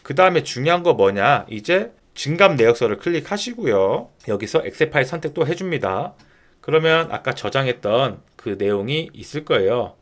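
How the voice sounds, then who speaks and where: Walking through a software tutorial one step at a time over a screen recording, a man speaks in informal polite language at a moderate pace. His mid-range voice is sing-song, and he tends to pose questions he then answers.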